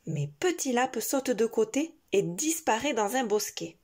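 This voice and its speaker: A woman storyteller reading a picture book expressively, as if to a toddler. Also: a little high. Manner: slow, animated, reading as to a toddler.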